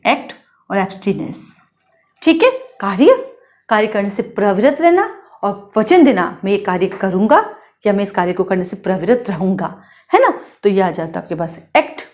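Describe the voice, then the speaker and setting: A woman law teacher with an Indian accent, schooled in Hindi, lecturing in a lively way and repeating points with quick questions to her students. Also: medium pitch. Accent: Hindi-medium Indian English words. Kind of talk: classroom lecture.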